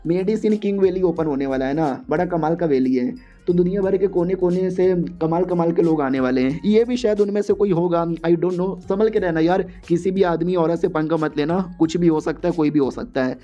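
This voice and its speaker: A man's voice: high voice, normal speed, few pauses, warm tone, muffled recording, soft background music, natural voice. A man doing a wary old man.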